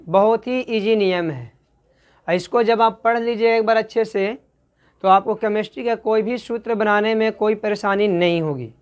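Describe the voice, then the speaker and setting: A woman's voice: mid-range voice, clear, resonant tone. A woman teaching a chemistry lesson in Hindi, asking questions and answering them herself and repeating the key words. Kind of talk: online class lesson.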